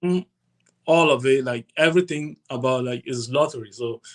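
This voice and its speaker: Young adult male, Togolese accent, medium pitch, informal interview guest with halting, repetitive delivery. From Togo, West Africa. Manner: halting, repeats phrases, acts out dialogue. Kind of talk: casual personal storytelling.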